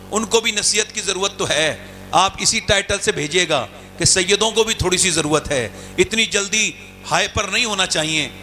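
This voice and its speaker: Male preacher, high bright voice, fervent storytelling sermon, faint music underneath. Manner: impassioned, rising to shouts, urges crowd to call out. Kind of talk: Urdu religious sermon with storytelling.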